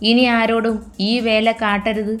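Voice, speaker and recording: A doting young husband, tender and coaxing, teasing his wife with gentle affection, as a woman storyteller reads him in her own fairly high voice. A faint bed of music plays under the romance audiobook reading. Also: completely flat delivery, measured pace, lightly acted. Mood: firm.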